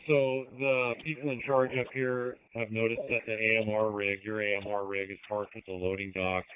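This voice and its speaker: A man's voice: fairly low pitch, little pitch movement, moderate pace, smooth. A man speaking in radio traffic over a two-way radio. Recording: narrowband scanner radio, dry.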